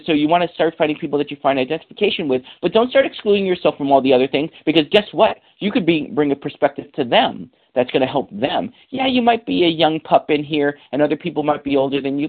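A man's voice: a little high, very animated, brisk, vocal fry, slightly rough. A man answering a question at a recovery meeting, giving casual, emphatic advice with street slang and a lot of repetition. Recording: tinny phone line.

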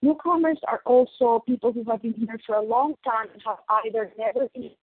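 Husky woman on a crackly phone line. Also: a little high, brisk, no echo. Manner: earnest, explanatory, repeats key phrases. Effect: crackly phone line fading in and out. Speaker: meeting participant sharing. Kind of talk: sharing at a recovery phone meeting. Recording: tinny dry phone line.

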